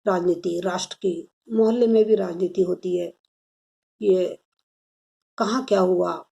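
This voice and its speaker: Woman, literature teacher, story narration, measured, gravelly, mellow tone. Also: fairly low pitch, steady tone. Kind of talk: story reading and explanation for students.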